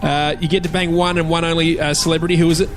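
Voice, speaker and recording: Sweary Australian man, slightly high-pitched, bantering. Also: little pitch movement, fast, soft background music. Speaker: podcast host. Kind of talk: casual comedy chat.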